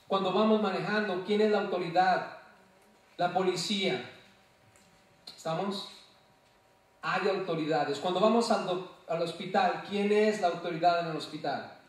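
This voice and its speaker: A pastor preaching a sermon in a church, asking the congregation questions and answering them himself. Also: male voice, high voice, unhurried, recorded from a distance. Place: church sanctuary. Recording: very echoey hall, voice from off-mic.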